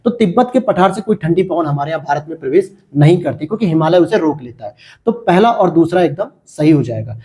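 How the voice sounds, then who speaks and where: Mellow-voiced man explaining exam answers. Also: on the high side. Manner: chatty, talks straight to students, asks and answers his own questions. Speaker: exam-prep teacher.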